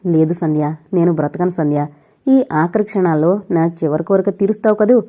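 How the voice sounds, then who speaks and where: A woman voicing a dying young man who speaks haltingly, short of breath, in a storybook reading. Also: lowish voice, fairly even intonation, dark tone, close to an everyday voice. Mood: faint.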